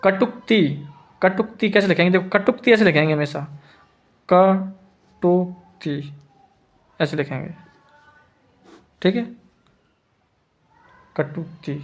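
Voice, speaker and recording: Male teacher, a little high-pitched, patient and repetitive, drilling spelling rules. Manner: repeats each word slowly, asks students if they follow. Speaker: Hindi teacher. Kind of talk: spelling lesson.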